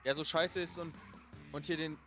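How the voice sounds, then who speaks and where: A grumpy, mock-pessimistic man talks casually with friends during an online game, in a slightly raised voice. He is on a headset, and game music plays loudly behind him. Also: on the high side, steady tone, normal speed. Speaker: co-player. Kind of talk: casual gaming chat.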